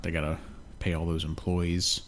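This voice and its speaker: A man's voice: low-pitched, level tone, moderate pace. A man co-hosting a podcast in casual, profane, rambling chat, sounding a little snotty and nasal, close on a studio mic. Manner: laid-back, profane, rambling. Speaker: podcast co-host. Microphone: studio mic with headphones.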